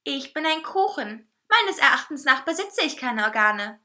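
A woman voicing a cheeky, bossy talking cake with a male diva temper, speaking in a shrill, mocking, theatrical way. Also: very animated, normal speed, sharp tone, heavily acted. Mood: smug.

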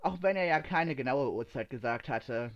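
A man voicing a shy, awkward young man in a storybook reading, answering quickly. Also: medium pitch, expressive, highs cut off, lightly acted.

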